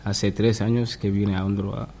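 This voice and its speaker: Man, Serer speaker, reading plainly with slips for school radio, with low pitch and faint noise behind him. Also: little pitch movement, a little slow, a little mellow. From Senegal. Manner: simple sentences with small slips and restarts. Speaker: adult student on a school radio show. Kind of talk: reading a prepared personal text on radio.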